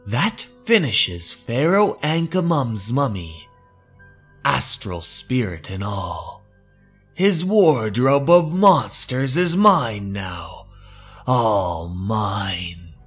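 A man acts out a scheming horror-comic villain, greedy and gloating. His delivery is theatrical and swings widely in pitch, with a husky tone. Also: big pitch swings, drawn-out words, a bit bright, faint music behind, full character voice. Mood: scheming, triumphant.

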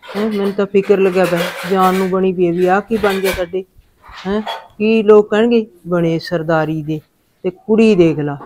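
A woman's voice: medium pitch, fairly even intonation, moderate pace, noisy background, close to an everyday voice. A woman acting a middle-aged village mother in a family drama, with a Punjabi accent and a nagging, anxious aunty manner. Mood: worried, lamenting. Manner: Punjabi aunty way of talking, grumbling and fretting.

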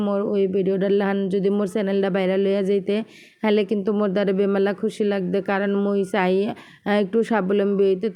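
A woman vlogger with a Barishal Bengali accent rattles along quickly, talking straight to her viewers in casual chat. Her voice is smooth and clear, and her pitch stays fairly level. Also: warm tone. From Bangladesh. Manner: chatty, addresses viewers directly. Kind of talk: casual home vlog chat.

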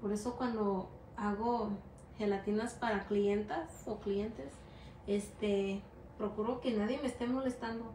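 Speaking at a measured pace in a mellow, mid-range voice with a steady tone, a middle-aged Mexican-American woman from the United States teaches gelatin art at an indoor work table. Her hands-on class is casual and rambling, her Spanish mixed with English words and many fillers. The room echoes, with faint ambience and slight background noise.

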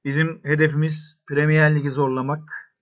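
A man hosting a football management game, muttering to himself and then shouting cheers at his players, some in English. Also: a little high, level tone, normal speed. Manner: talks to himself, swinging from mutters to yells. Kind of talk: excitable gameplay commentary.

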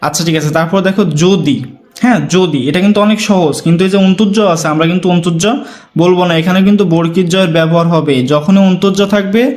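A man's voice: high voice, steady tone, fast talker, a little mellow. A man teaching a pronunciation and spelling lesson to students, repeating words syllable by syllable and checking in with them often. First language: Bengali. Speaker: Bangla teacher.

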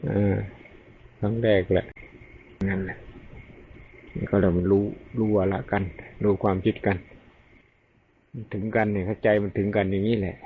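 A man's voice: fairly low pitch, flat delivery, moderate pace, pauses often. A man with an Isan Thai accent, a Buddhist monk giving an informal Dhamma talk in a folksy, chatty storytelling manner. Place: rural monastery. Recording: tinny lo-fi recording with faint hiss.

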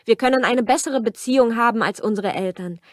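A woman's voice: mid-range voice, moderate pace, no room sound, clean studio sound, natural voice. A woman reading a romance audiobook aloud and voicing a passionate young wife, her delivery pleading and emphatic.

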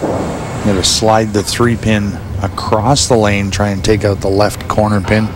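Male color analyst, low-pitched, brisk shot breakdowns, noisy TV feed. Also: level tone. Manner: analytical, brisk technical calls. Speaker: color commentator. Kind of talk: sports commentary. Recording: TV broadcast with background noise.

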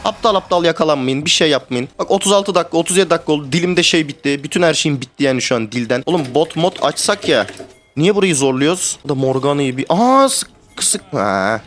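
A young man streaming a video game, talking to his teammates in casual live commentary that swings between calm planning and excited shouting and swearing. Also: on the high side, fast talker, a little hiss or hum. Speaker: gamer streamer.

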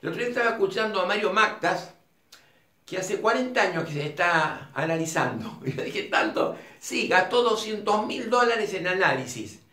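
A man's voice: high-pitched, expressive, moderate pace, pushed and bright. A man with an Argentine Rioplatense accent teaching at a whiteboard, chatty and digressive, with colloquial asides to the viewer. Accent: Argentine Rioplatense Spanish. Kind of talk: informal whiteboard lecture. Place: room with a whiteboard. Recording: echoey room, mic at a distance.

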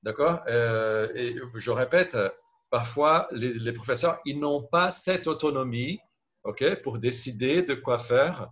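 A man's voice: medium pitch, slow, fairly bright tone. A man from Brazil speaking French with a Brazilian Portuguese accent, talking hesitantly on a video call at a panel, often checking in with "d'accord?". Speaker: panelist teacher. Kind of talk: video call round-table talk.

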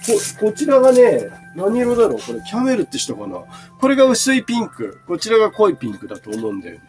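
A man in his fifties talks casually through a live sales stream, showing goods and answering viewer comments. His voice sits a little high and swings widely in pitch. Faint music plays behind him. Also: huge pitch swings, fast talker, a little mellow. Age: 50s.

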